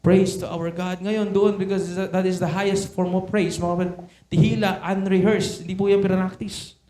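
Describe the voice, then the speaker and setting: A man preaches a sermon that mixes Tagalog and English, and his voice sits high for a man. He keeps turning to the congregation with rhetorical questions. The recording is echoey, as if captured in a church sanctuary. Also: level tone, moderate pace, warm tone.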